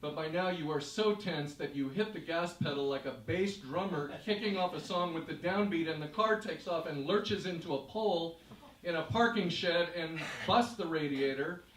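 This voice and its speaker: A man's voice: on the high side, normal speed, a bit bright. Male stage storyteller, vivid and emphatic; recorded from afar in an echoey hall. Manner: vivid, emphatic second-person narration. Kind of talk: live storytelling performance. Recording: roomy stage, distant mic.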